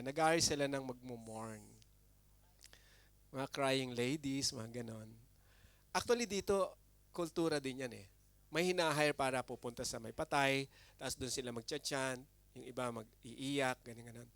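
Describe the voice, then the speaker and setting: A man preaching a sermon as pastor, animated, with big swings between loud and soft. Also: mid-range voice, moderate pace, no echo.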